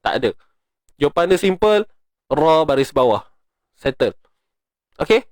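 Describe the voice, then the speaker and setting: A middle-aged man with a Malaysian Malay accent, teaching Quran recitation in a casual, joking online lesson and drilling sounds slowly. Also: a little high, big pitch swings, a little mellow, no echo.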